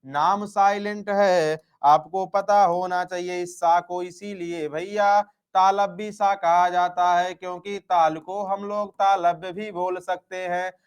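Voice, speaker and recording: A male Hindi grammar teacher speaks slowly in a high-pitched, clear, resonant voice, with fairly even intonation and hardly any pauses. Going through exam questions, he repeats each answer, asks "क्या?" and answers it himself, and calls students affectionate nicknames.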